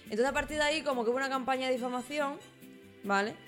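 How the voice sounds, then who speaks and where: A woman's voice: high-pitched, rapid-fire, fairly bright tone, faint music behind. A woman, co-hosting a podcast and telling a story in casual chat. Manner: chatty storyteller, many fillers. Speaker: podcast co-host.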